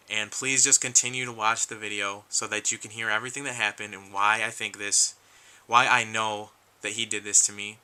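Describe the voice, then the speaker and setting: A man talks earnestly to his viewers in a casual vlog, restarting his sentences as he goes. His voice sounds a little worn, as if he is losing it. His tone is very bright, smooth and clear, sitting a bit low. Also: rough recording. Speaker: YouTube collector vlogger. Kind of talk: casual talk to camera.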